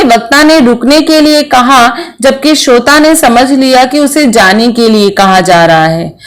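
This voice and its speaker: Hindi teacher woman explaining slowly. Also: a little high, a bit bright. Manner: explains slowly, reads verse examples aloud. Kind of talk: online class lesson.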